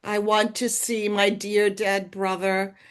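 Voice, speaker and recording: A woman's voice: mid-range voice, little pitch movement, clean tone. A woman poet giving a solemn, dramatic poetry reading at an arts center. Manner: slow, solemn, dramatic recitation.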